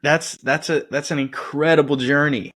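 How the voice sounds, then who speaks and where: A man co-hosting a casual podcast, talking in an easygoing, agreeable way and often chiming in with quick yeahs. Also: fairly high pitch, steady tone, fairly bright tone. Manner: easygoing, agreeable, backchannels a lot. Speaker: podcast co-host.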